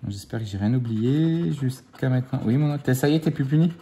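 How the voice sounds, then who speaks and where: A man's voice: medium pitch, dark tone, a little hiss or hum. A man chatting casually at home while scratching lottery tickets, teasing his kids and drawing out the numbers. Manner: playful, teasing, drawn-out number counting. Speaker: scratch-card vlogger. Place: at home with his children nearby.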